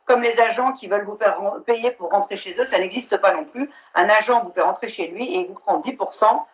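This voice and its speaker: A middle-aged actress hosts a laid-back live stream over a video call, speaking frankly and cursing every so often. Her voice is medium in pitch and she talks a little quickly.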